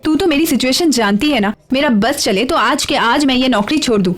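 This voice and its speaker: An actress playing a tired young office worker who sounds frustrated. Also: female voice, high voice, expressive, fairly quick. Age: young adult. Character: weary young office worker caring for sick parents.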